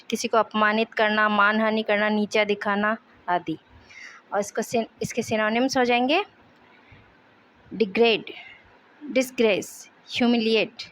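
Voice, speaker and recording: High-voiced woman teaching vocabulary. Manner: repeats each word slowly, steady teaching pace. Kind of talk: explaining vocabulary in Hindi for exam prep.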